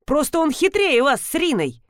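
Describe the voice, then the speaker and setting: A woman voicing a calm, firm man colleague who reassures the others. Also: sits high, moderate pace, no echo, clean studio sound, voice pushed up.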